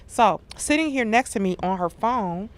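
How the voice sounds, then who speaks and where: A woman's voice: medium pitch, lively intonation, moderate pace. A woman hosting a community radio show, interviewing her guests in an informal, conversational way.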